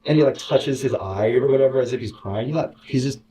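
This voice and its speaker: A man's voice: medium pitch, a little fast, dark tone. Man telling a bitter story in an echoey room. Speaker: interview guest, former contestant. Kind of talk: candid storytelling. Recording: roomy, distant mic.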